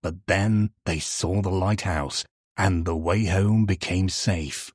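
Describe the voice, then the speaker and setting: A man voicing an old, lonely male street lantern in a storybook reading, complaining and daydreaming, with a husky voice. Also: low-pitched, slow pace, darkish tone, dry recording, studio quality, heavily acted. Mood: dreaming.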